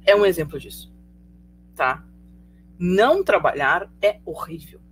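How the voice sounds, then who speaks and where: Speaking in an easy, middling-pitched voice that is expressive and unhurried, a Brazilian-accented teacher lectures a live remote sociology class. Rhetorical questions keep coming as the teacher checks that students follow, with a faint hum underneath.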